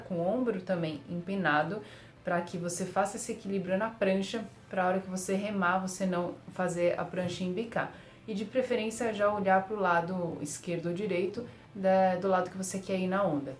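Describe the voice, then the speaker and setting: A woman's voice: mid-range voice, echoey room, a little hiss or hum. A young woman giving surfing tips in a casual, chatty way, often laughing at herself and using fillers. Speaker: surf vlogger. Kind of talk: casual tutorial talk.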